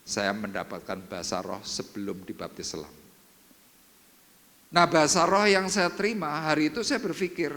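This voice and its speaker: A male pastor preaching a sermon, telling a personal testimony, dropping to hushed tones and rising to emphatic peaks. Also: on the high side. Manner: animated storytelling testimony, swings between hushed and emphatic. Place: church. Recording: reverberant church hall.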